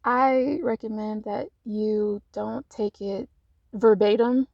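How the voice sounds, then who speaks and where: A woman's voice: fairly high pitch, steady tone, takes it slowly, gravelly, no room sound, highs cut off. A woman vlogging casual life advice from her parked car, rambling with lots of fillers and frequent laughs.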